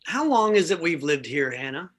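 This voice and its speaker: A woman reading a halting, sheepish husband. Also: low-pitched, big pitch swings. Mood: hesitant. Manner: halting, hesitant delivery. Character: hesitant, sheepish husband, man. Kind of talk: comic play reading.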